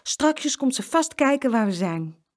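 A little boy trying to be brave and comfort his sister, voice raised and lively, as a woman puts him on. A children's storybook character with a bright, eager tone. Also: high voice, measured pace, voice pushed up. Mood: reassuring. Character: young boy Jeroen, brave twin brother.

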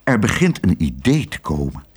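Man playing a soft, low, husky old storybook gentleman. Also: very animated, normal speed, heavily acted. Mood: pensive. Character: kind old gentleman, slow and thoughtful.

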